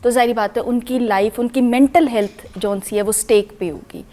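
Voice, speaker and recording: A woman with a fairly high voice speaks as an expert guest on a studio talk show. She lays out her points one after another in a steady, explanatory way. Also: a little hiss or hum.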